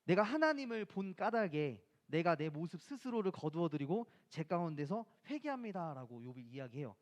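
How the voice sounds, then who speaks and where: A male pastor delivers a sermon in a fairly high voice that rises and falls a lot. He talks to the congregation conversationally and keeps asking them questions. Now and then he slips into the voices of the people he quotes. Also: sing-song, normal speed. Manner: conversational, asks the listeners rhetorical questions; acts out quoted voices of friends and scripture.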